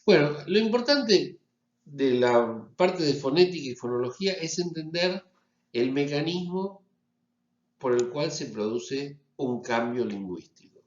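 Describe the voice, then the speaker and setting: A male university lecturer with a Rioplatense Spanish accent gives a phonetics lecture in a fairly high, expressive, unhurried voice. He explains step by step and checks in with the class often, and the recording is echoey and slightly dull.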